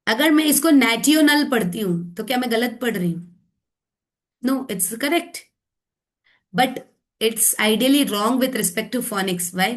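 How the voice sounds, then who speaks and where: Slow, deliberate woman teacher. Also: on the high side. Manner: explanatory, often checks with "right?" and "okay?"; mixes Hindi and English. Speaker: teacher trainer. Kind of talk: online phonics lesson.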